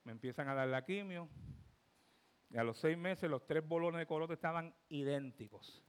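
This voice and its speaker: A man in his fifties with a Puerto Rican accent, a pastor telling a testimony in a sermon, animated, swinging from loud to hushed. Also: on the high side, normal speed, clean tone. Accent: Puerto Rican Spanish. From Puerto Rico. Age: 50s.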